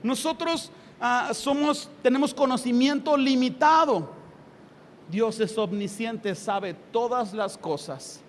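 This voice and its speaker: A man with a Mexican accent preaching a sermon in a lively way, with sarcastic asides and acted-out quotes. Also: very high voice, slow pace. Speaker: pastor. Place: church hall. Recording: reverberant hall with faint ambient noise.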